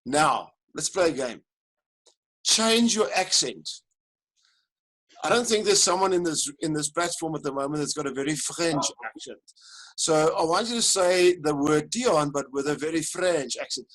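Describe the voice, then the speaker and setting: Lively man coaching online. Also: a little high, normal speed, poor audio. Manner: animated, addresses audience directly, counts them in. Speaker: life coach and webinar presenter. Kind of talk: live online coaching lesson. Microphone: video call.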